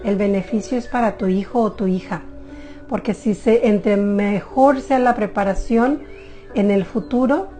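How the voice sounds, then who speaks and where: Earnest mother, warm mellow voice. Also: mid-range voice, faint music behind. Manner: earnest, halting storytelling with frequent restarts. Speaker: mother giving a testimony. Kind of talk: personal testimony on religious radio.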